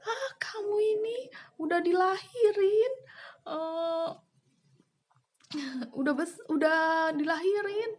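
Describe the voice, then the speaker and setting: A woman voicing her own older mother, who scolds her in hurt, shrill reproach. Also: gravelly, a little mellow, husky, heavily acted. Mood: tearful anger.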